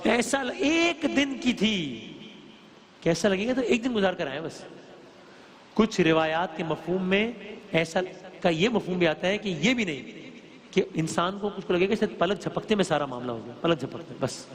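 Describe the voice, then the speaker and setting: A woman's voice: fairly low pitch, expressive, big-room sound. A woman giving an earnest religious lecture on scripture, often putting questions to her listeners. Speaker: religious speaker.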